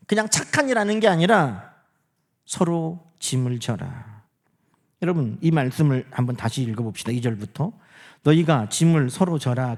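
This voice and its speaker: Male pastor, sermon delivery: reads scripture slowly, rhetorical questions, emphatic peaks falling to hushed whispers, animated pitch. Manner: preaching with rhetorical questions to the congregation; swings from loud emphasis to hushed near-whispers.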